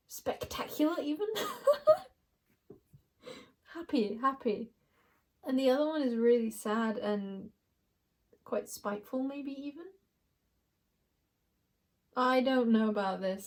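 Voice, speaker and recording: A young woman with a slightly high voice works through a card reading for her viewers. She muses aloud, trails off and second-guesses herself, and breaks into giggles often. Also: darkish tone. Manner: giggly, musing, talks to viewers as you guys. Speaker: tarot card reader. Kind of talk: intuitive card reading to camera.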